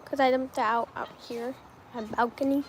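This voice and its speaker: A woman's voice: fairly high pitch, fairly even intonation, normal speed, slight background noise. A woman chatting casually on a livestream from her balcony, rambling with lots of fillers. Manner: rambling, filler-heavy talk. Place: outdoors on a balcony.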